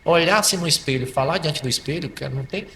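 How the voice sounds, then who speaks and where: Brazilian male psychologist guest, bright forceful voice, animated and repetitive delivery. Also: fairly high pitch, brisk. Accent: Brazilian Portuguese. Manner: animated, repeats and restarts words. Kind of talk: conversational explanation. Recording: faint background noise.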